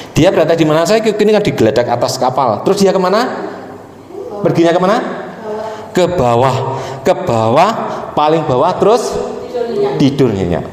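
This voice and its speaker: A man's voice: medium pitch, a little mellow, slight background noise. A male preacher, telling a personal story emotionally and often addressing the congregation directly. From East Java, Indonesia. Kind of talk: sermon with personal testimony. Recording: echoey hall, faint ambience.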